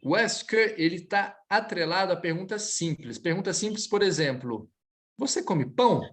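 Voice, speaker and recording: Animated man teaching French. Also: sits high. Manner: lively, switches between Portuguese and French, slows to model phrases. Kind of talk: online class correcting students.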